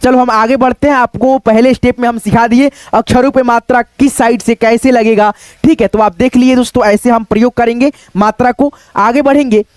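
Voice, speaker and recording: Man, very high voice, patient online Hindi teacher, dry close sound. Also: fairly even intonation, fairly quick, few pauses, clear, resonant tone, no room sound. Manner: patient step-by-step explaining, stretches vowel sounds. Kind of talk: online writing lesson.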